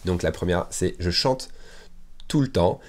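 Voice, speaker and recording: A man with a deep, low voice teaches a video English lesson. He says each English phrase slowly and repeats it, then explains in French. His pitch and volume leap up now and then. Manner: lively, with sudden rises in pitch and loudness.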